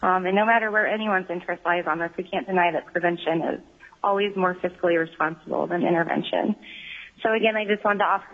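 A woman giving earnest, measured public testimony by phone, with frequent ums, her voice on a crackly line that keeps fading in and out. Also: on the low side, fairly even intonation. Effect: crackly phone line that fades in and out. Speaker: member of the public testifying at a hearing. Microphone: phone call-in.

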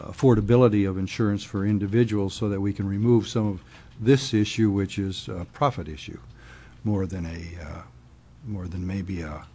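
A man with a lowish, dark and mellow voice questions formally like a politician in committee. His phrasing is hesitant, and he rewords his thoughts as he goes. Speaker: state senator.

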